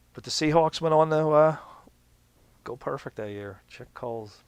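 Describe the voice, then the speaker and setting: A man's voice: slow pace, clean tone, no echo. A middle-aged man with a Pennsylvania accent, hosting a podcast and telling a rambling, enthusiastic story. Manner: rambling, enthusiastic, acts out quoted people in a high voice. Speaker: podcast host and league announcer. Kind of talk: casual storytelling.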